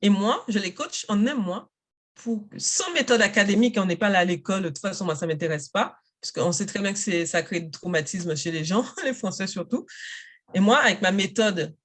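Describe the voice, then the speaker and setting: A woman, a native English speaker, talking in a casual interview about coaching parents and adults in English, in an energetic and emphatic way. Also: mid-range voice, fairly quick. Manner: energetic, emphatic, self-assured.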